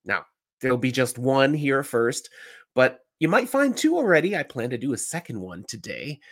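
A man's voice: mid-range voice, moderate pace. A middle-aged man hosting an informal, enthusiastic solo book podcast, his voice slightly congested and stuffy from a cold. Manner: informal, emphatic, animated. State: getting over a cold. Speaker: podcast host.

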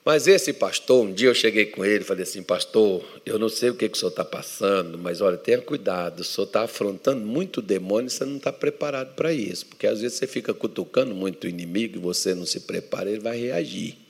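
A man preaching a sermon as pastor with a Brazilian accent, swinging between loud emphatic lines and hushed storytelling. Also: on the low side, fast talker, gravelly, few pauses, husky. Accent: Brazilian Portuguese. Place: church hall. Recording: long hall reverb.

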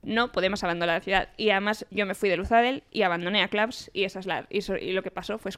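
A woman recaps chapters in a smooth, clear voice. She talks at middling pitch in relaxed podcast chat and slips into the characters' lines as she goes. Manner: retells chapters briskly, acting out lines. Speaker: podcast co-host. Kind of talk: casual book-club chat.

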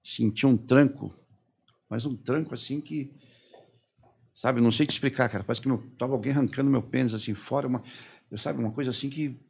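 Fast, gravelly man, halting. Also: medium pitch, fairly even intonation, darkish tone. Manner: halting, with many restarts and trailing phrases. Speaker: interviewee. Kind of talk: emotional personal testimony.

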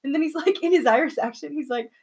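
A woman's voice: high voice, fast, darkish tone. A young woman chatting casually as a co-host, giggling often and filling her talk with "like". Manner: giggly, chatty, many fillers. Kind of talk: casual chat.

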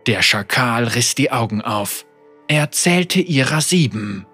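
A man reading a dark fantasy story aloud as a measured audiobook narration. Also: mid-range voice, animated, breathy edge, faint music behind.

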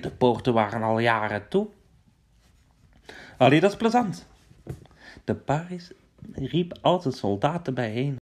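Slow, playful storyteller man. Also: medium pitch, darkish tone. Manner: playful, dramatic, drops to whispers for suspense. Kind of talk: children's storytelling.

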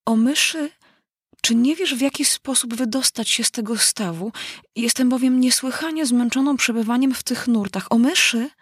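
A woman's voice: fairly high pitch, moderate pace, husky, no room sound, studio quality, voice pushed up. Woman reading as a fretful little girl. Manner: wondering aloud, dramatic sighs. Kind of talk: storybook reading.

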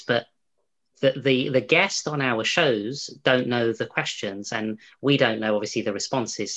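A man's voice: mid-range voice, a bit bright, poor audio. A man hosting an interview, asking long, winding questions with many restarts. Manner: rambling, full of fillers and restarts. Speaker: interview host. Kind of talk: hosted interview.

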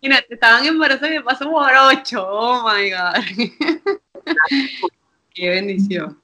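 A woman's voice: fairly high pitch, lively intonation, unhurried, sharp tone. A woman, hosting a casual interview and reacting to her guest with short questions and exclamations. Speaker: host.

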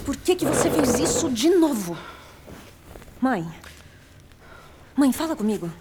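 An actress playing a young, tired but firm doctor who calmly gives orders and pleads with her mother. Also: high-pitched, measured pace, heavy background noise. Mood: tender, weary. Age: young adult. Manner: calma e firme, às vezes suplicante. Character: jovem médica cansada, firme e paciente. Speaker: doctor and narrator.

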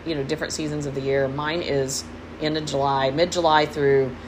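A woman's voice: sits low, flat delivery, moderate pace. A middle-aged woman hosting a podcast as a casual, candid, rambling personal monologue, recorded in a room with fans running. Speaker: podcast host. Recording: noisy, window units and fans humming.

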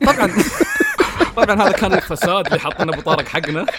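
A man's voice: high-pitched, big pitch swings, very fast, a loud crowd. A young man with an Emirati Gulf Arabic accent, hosting a casual podcast chat, joking and teasing and laughing often. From UAE, Al Ain. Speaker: podcast host.

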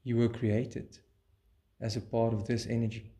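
This guided meditation is led by a man of medium pitch whose delivery is calm and soothing. He keeps a measured rhythm and leaves pauses after each short phrase.

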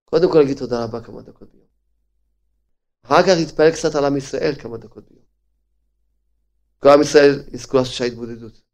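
A man preaching as a rabbi, firing rhetorical questions and swinging between loud outbursts and hushed lines. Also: mid-range voice, fairly even intonation, pauses often. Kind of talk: sermon.

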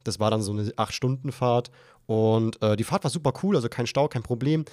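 A young man tells a long story on his podcast at a brisk clip, keeping it casual and animated. He acts out his own flustered panic in a high-pitched voice. The recording is dry and clean, with studio sound.

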